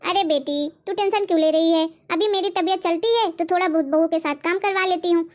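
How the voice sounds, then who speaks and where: A woman voicing a kindly, reasonable older mother-in-law in a cartoon, speaking in a gentle, motherly way. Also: very high-pitched, a little fast. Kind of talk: animated cartoon voice acting.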